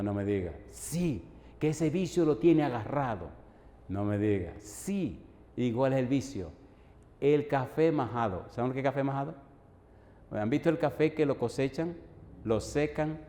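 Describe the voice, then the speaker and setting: Pastor preaching in an echoey hall. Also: male voice, medium pitch, moderate pace. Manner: animated storyteller, acts out the dialogue. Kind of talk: sermon with personal storytelling. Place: church hall. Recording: long echo of a church hall.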